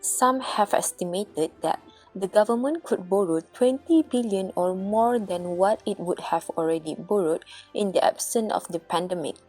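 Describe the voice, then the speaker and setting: A woman's voice: medium pitch, normal speed, a little mellow, husky, low-quality recording. A woman reading a scripted news report. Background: faint music.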